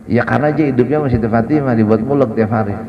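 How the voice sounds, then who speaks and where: A man's voice: medium pitch, racing, crowd noise. A man giving a casual Ramadan sermon in a mosque, mixing Arabic recitation with chatty, joking storytelling. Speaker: ustadz giving a Ramadan study. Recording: dull lo-fi recording.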